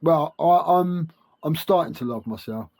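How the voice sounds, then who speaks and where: Guy talking with no teeth in, gummy soft consonants, kinda high voice, rambly self-help vlog, repeats himself a lot. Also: animated, vocal fry. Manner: halting, repetitive, self-questioning, informal. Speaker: self-help video creator. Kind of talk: rambling spiritual monologue to camera.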